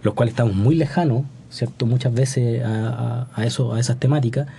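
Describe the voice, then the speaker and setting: A man's voice: medium pitch, a little fast, gravelly, warm tone, a little hiss or hum. A Chilean man talking as a guest scientist in a casual podcast interview, thoughtful, with many restarts and tag questions.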